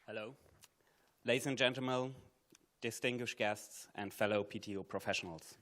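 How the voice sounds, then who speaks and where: A man delivering a formal, prepared podium speech to a room in a solemn, measured manner. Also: on the low side, fairly bright tone. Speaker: guest speaker from a sports organisation. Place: live at the front of a press conference room.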